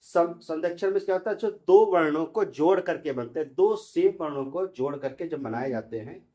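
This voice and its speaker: A male teacher with a warm, fairly high voice explains grammar in a classroom lesson at a normal pace. He goes through each point step by step, asking his own questions and then answering them.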